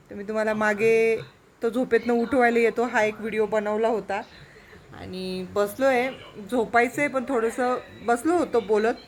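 A woman talking casually in a home vlog at night, cooing baby talk at her pet parrot between remarks to viewers. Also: a little high.

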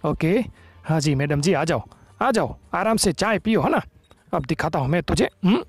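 A young man hosting a gaming channel, giving excited, teasing gameplay commentary full of playful taunts. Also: fairly high pitch, normal speed, husky, no room sound.

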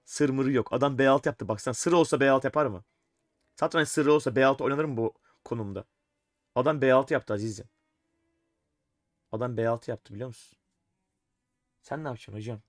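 A man's voice: medium pitch, brisk, long pauses, no room sound, studio quality. A man streaming a live chess game, thinking aloud and talking to his chat, often exasperated. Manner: talks to himself and chat while playing, exasperated.

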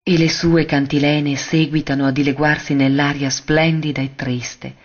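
Male narrator for a classic story reading: husky, mid-pitched, measured, dull lo-fi sound. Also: level tone. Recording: dull lo-fi recording.

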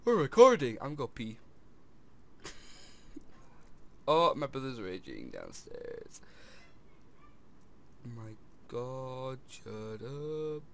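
A woman's voice: a bass voice, sing-song, drawn-out words, vocal fry, pauses often, fairly bright tone, slight background noise. A woman hosting casual gaming commentary over a voice call, chatty and laughing along.

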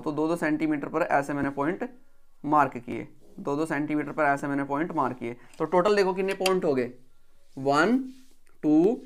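A man teaching an engineering drawing lesson step by step. He repeats each instruction and asks his students questions, then answers them himself. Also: a little high.

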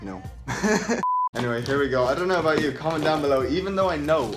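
A little high and animated, his voice moves a little fast as this Irish fitness vlogger in his twenties exclaims and laughs between bites of a food challenge. He holds the camera at arm's length in a parked car and a home kitchen, with music in the background.

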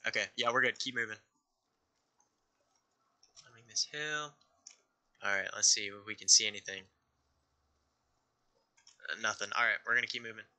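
A man with a very bright, sharp voice leads his squad through a multiplayer game, calling out directions and bearings. He talks casually and corrects himself on the fly. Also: on the low side, fairly even intonation, moderate pace, pauses often. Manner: giving directions, self-correcting. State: hiccups. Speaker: squad leader. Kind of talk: casual game chat over voice comms.

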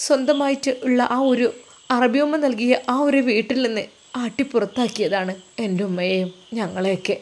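A woman's voice: on the high side, darkish tone, lightly acted. A woman voicing an emotional young wife who speaks earnestly and devoutly. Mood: quiet. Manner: heartfelt, pleading. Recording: reverberant room with faint noise.

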